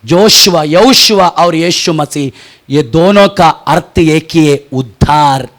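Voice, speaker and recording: A man preaching a fervent sermon as pastor, moving between shouted peaks and hushed asides, often asking questions and answering them himself. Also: on the high side, takes it slowly. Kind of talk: impassioned Hindi sermon.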